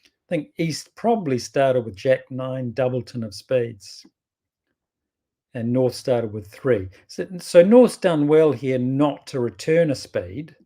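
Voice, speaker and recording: A man's voice: medium pitch, lively intonation, slow, mellow. Man with a broad Kiwi accent. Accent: strong New Zealand. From New Zealand. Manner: informal, rambling, self-correcting. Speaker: bridge player presenting his own videos. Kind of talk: casual thinking-aloud game commentary.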